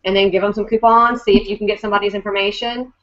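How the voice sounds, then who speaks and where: A woman coaching her sales team in an upbeat, chatty way, her talk full of fillers. Her voice sits at a medium pitch. The recording sounds dull and lo-fi. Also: steady tone, quick pace, fairly bright tone. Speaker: network marketing team leader.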